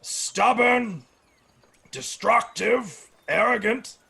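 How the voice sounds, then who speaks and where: A man voicing a grumpy, bitter old nature priest in a tabletop game, with a creaky, raspy, slow and solemn delivery. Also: sits high, lively intonation, sharp tone, a little hiss or hum, exaggerated voice. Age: older. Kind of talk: tabletop role-play acting.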